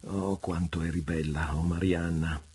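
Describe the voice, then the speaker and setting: A man's voice: low voice, fairly even intonation, unhurried, darkish tone, breathy edge, heavily acted. A man voicing a passionate, tormented male pirate chief in an audiobook, with fervent, desperate outbursts. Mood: anguished.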